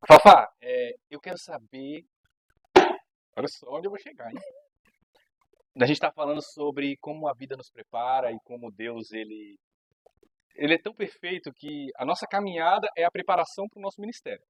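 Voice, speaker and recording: A man hosting a podcast interview, conversational and quick to chime in with short affirmations. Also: on the high side, no room sound. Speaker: podcast host. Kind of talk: casual interview chat.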